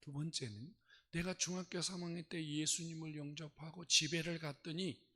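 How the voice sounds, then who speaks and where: Male pastor, sermon delivery, breathy edge on a bright, forceful voice, swings between whispers and bursts. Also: a little high, steady tone, normal speed. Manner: dramatic storytelling, swings from hushed whispers to loud outbursts.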